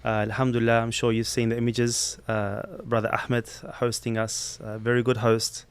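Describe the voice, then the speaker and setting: A man is the guest on a studio podcast, explaining things in a friendly, easygoing way with plenty of fillers. His voice is smooth and clear. The recording is dry and close. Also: medium pitch, monotone, moderate pace, no room sound. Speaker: guest, human rights activist. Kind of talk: podcast interview.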